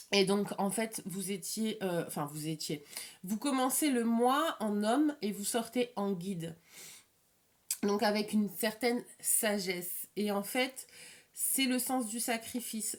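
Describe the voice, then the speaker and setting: A woman with a slight lisp and slushy s sounds gives an informal, improvised card reading as an oracle reader, haltingly repeating and rephrasing her words. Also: a little high.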